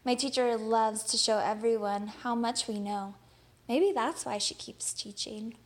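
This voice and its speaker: Reading from a picture book for children, this woman narrates with lively, expressive storytelling. Her pitch leans high and her delivery is unhurried.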